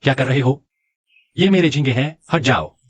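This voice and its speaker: A man's voice: medium pitch, animated, moderate pace, no echo, natural voice. A man voicing a shrewd young man who stands up to a bully and plans his revenge in a dubbed drama. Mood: defiant. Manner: defiant, determined.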